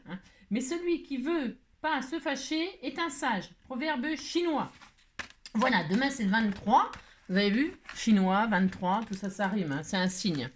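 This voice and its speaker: A woman's voice: a little high, slight background noise. A middle-aged woman chatting playfully while making crafts, rambling with jokes and little asides. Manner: playful rambling, jokes, laughs, hums snatches of song. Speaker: crafting vlogger. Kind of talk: chatty crafting tutorial talk.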